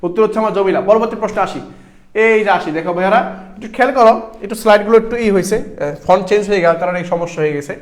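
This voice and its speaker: High-voiced young male tutor, drills exam questions by repeating them. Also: very fast. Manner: repeats questions and answers, addresses students as brothers. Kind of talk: exam-prep class lecture.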